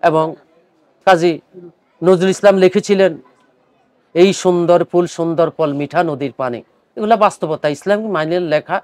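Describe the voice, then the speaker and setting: Older man, a poet. High, earnest voice, recorded dry, reciting verse. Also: normal speed, long pauses, darkish tone, no room sound. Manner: earnest, pleading; mixes English words into speech. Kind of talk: speaking to camera at a book fair; poetry recitation.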